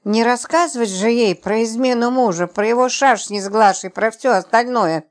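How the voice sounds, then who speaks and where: A woman narrating a novel in a lively, expressive way. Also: fairly high pitch, moderate pace. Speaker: audiobook narrator. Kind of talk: scripted narration.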